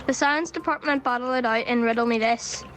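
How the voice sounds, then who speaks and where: A woman reading a podcast's line-up preview in a clear, upbeat way. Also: a little high, a little fast, fairly bright tone, slight background noise, poor audio. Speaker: podcast presenter.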